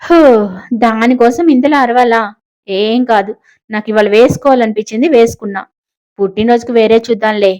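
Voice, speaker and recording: A woman's voice: on the high side, fairly quick, a little mellow, clean tone, close to an everyday voice. A woman voicing a playful, sarcastic teenage girl in an audiobook story. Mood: cheeky. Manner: sarcastic, casual.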